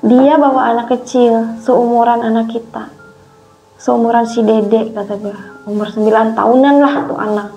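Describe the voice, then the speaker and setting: A guest emotionally recounts a frightening experience, telling it casually in slang. Her voice is fairly high and mellow, with a level tone at normal speed. The recording sounds dull and lo-fi, with faint music behind her.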